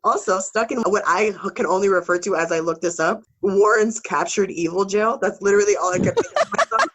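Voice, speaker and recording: A woman's voice: mid-range voice, big pitch swings, fairly quick, a bit bright, rough recording. Woman casually telling spooky stories. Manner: casual, swears, laughs between story beats. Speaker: podcast co-host. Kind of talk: casual storytelling podcast chat.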